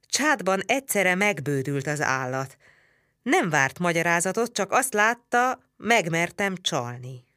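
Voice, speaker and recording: Bright-voiced woman reading an audiobook. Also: fairly low pitch, big pitch swings, dry recording, studio quality. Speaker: audiobook narrator. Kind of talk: audiobook reading of a historical novel.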